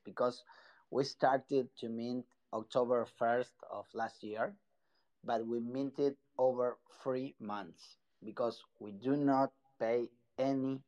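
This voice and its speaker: Guesting on an online audio chat, an Argentine project founder speaks halting English in an Argentine Spanish accent, searching for words. His voice is medium-pitched and a little mellow, and the recording is rough.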